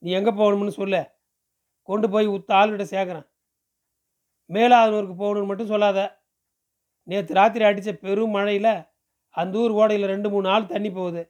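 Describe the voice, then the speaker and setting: A man's voice: high-pitched, steady tone, moderate pace, long pauses, darkish tone, natural voice. A man voicing a pushy, talkative middle-aged village man who fires off questions in rural speech in an audiobook. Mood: pressing, coaxing. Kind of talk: audiobook character voice.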